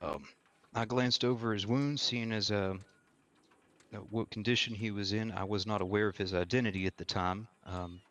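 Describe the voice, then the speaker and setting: Man playing a low-voiced, halting frontier witness. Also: steady tone, fairly bright tone. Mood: measured, careful. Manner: halting, deliberate, formally worded. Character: male frontier witness, armed woodsman, measured and formal. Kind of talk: improvised courtroom role-play testimony.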